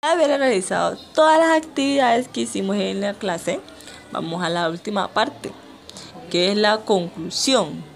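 A woman teacher giving a language lesson, slowly drilling vocabulary and having students repeat after her. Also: mid-range voice, a little hiss or hum. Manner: slow, deliberate, has students repeat words.

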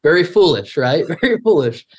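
A man's voice: on the high side, sing-song, moderate pace, darkish tone, husky. A man co-hosting a podcast in casual discussion, earnest, who restarts his sentences often while thinking aloud. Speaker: podcast co-host.

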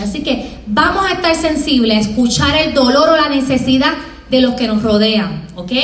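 Puerto Rican woman professor, lively motivational speaker, slightly distant mic. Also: high voice. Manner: lively, acts out scenes in small voices. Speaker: university professor. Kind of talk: motivational talk to students. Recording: echoey room, from far off.

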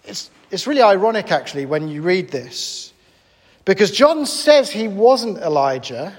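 A man preaching a sermon in an animated, conversational and emphatic way. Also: high-pitched, unhurried, husky, big-room sound.

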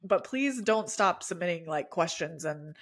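A woman's voice: fairly low pitch, expressive, a little slow. A young woman co-hosting a podcast in casual chat, chatty and giggly, with lots of fillers. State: sniffly after a near-sneeze. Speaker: podcast co-host.

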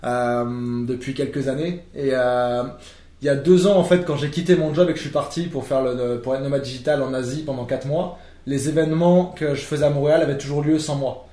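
A young Frenchman from France, appearing as a podcast guest, explains things at length in a casual chat peppered with fillers and restarts. His voice is medium-pitched, brisk, and mellow. The room he's in sounds echoey.

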